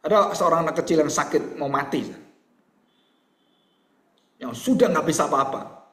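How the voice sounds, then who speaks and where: A man's voice: moderate pace, reverberant. A male pastor preaching a sermon, telling stories animatedly and acting out their voices, then leading a prayer. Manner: animated storytelling, acts out voices with high pitch.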